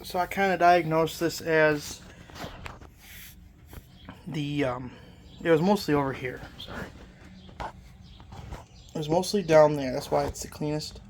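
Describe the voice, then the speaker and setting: In a workshop, a host of a repair channel casually talks through a mower engine repair while stuffed up from a lingering cold. The voice sits at medium pitch with a measured pace and long pauses, and a little hiss or hum is audible. Delivery rambles, with frequent fillers and self-corrections.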